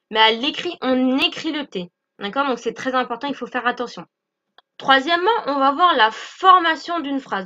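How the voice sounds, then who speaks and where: Bright high-voiced teacher. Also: female voice, highs cut off. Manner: patient, repeats "d'accord?" often. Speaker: English teacher. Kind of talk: explaining lesson over slides.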